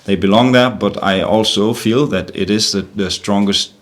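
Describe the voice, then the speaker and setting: A middle-aged Danish man, speaking in a lowish voice at a moderate pace, fields press conference questions as a football manager. He keeps restarting and repeating words while hunting for the right phrase, and his Danish accent comes through.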